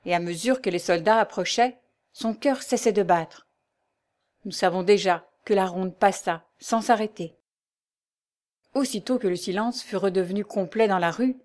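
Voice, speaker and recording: A woman audiobook reader narrating a classic novel in a measured, dramatic way. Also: medium pitch, a little mellow.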